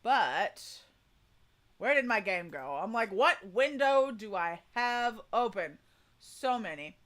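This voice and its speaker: Chatty woman streamer with a bright, high voice. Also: sing-song, slow. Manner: chatty, informal, folksy "y'all". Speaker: VTuber streamer, voice coach. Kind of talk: casual livestream chat.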